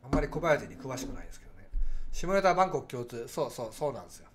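A man's voice: mid-range voice, lively intonation, very fast, crowd noise. A man in his forties with a nasal voice, hosting a casual livestream and chatting back to viewer comments. He projects his voice so that it carries, and he talks freely with a lot of fillers. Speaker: livestream host.

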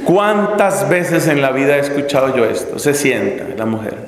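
A middle-aged man with a Colombian Spanish accent gives a lively, humorous sermon, acting out the people he talks about. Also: medium pitch, moderate pace, a faint crowd. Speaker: Dominican friar preacher. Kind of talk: sermon to religious sisters. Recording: echoey hall, long reverb.

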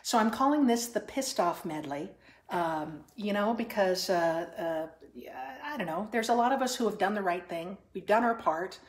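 A woman's voice: mid-range voice, expressive, normal speed. A woman singer-comedian chatting loosely between songs on her own live stream, with wry asides and plenty of ums. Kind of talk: casual chat between songs. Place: her living room at home. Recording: roomy living room with guitar. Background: guitar.

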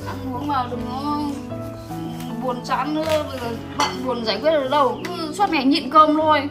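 A woman playing a coaxing, very high-voiced friend. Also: fairly even intonation, brisk, lightly acted. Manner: coaxing, persistent. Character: coaxing young female friend. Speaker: actor in a family skit. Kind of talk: amateur drama acting. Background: loud background music.

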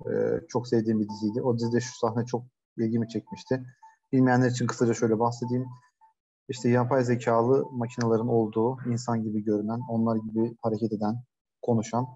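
A man's voice: mid-range voice, dark tone, highs cut off. A man giving a casual online lecture from a shared coworking space, talking conversationally with many hesitations and fillers. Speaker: webinar presenter.

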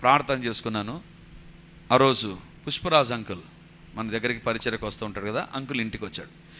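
A male pastor preaching a sermon, moving between quiet storytelling and loud exhortation, with English phrases dropped into his talk. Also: medium pitch, fairly quick, slight background noise.

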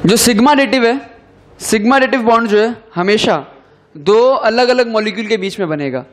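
Young guy teaching chemistry, pretty high voice, dictates slow and repeats stuff so you can copy it down, voice sinks at the end of key words. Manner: dictates slowly, repeating phrases for students to write. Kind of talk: classroom lecture.

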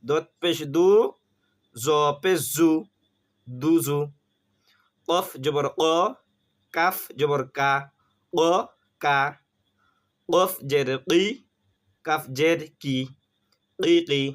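A man teaching a reading lesson, spelling each syllable aloud and repeating it in a slow drill. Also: fairly high pitch.

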